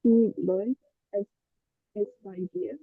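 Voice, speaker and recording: A woman's voice: mid-range voice, fairly even intonation, takes it slowly, no room sound. A woman student reciting formal and informal German greetings in an online class. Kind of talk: reciting practice phrases. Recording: tinny phone-like call audio.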